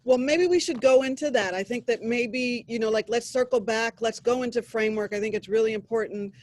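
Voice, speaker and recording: A man's voice: very high voice, a little fast, a little mellow, no echo. A man moderating a panel discussion on a video call, introducing speakers in a rambling way.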